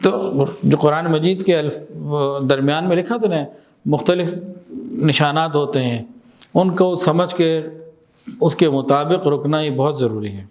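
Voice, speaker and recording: A man teaching in a religious talk, explaining with examples, asking his listeners questions and repeating phrases slowly for emphasis. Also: on the high side, darkish tone, lo-fi sound. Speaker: Islamic teacher.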